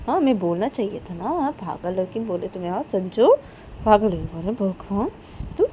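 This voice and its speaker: A woman voicing a grandmother who fusses, apologizes and scolds in a loud high voice. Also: expressive, normal speed, slight background noise, natural voice. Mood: scolding.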